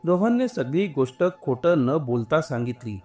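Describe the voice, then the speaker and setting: A man narrating an emotional story in a slow, earnest way. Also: on the high side, big pitch swings, mellow.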